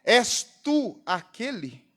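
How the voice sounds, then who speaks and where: A Brazilian pastor preaching a sermon to a congregation, throwing out rhetorical questions for the crowd to answer. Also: male voice, very high voice, big pitch swings, takes it slowly, pushed and bright. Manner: rhetorical call-and-response questions. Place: church congregation.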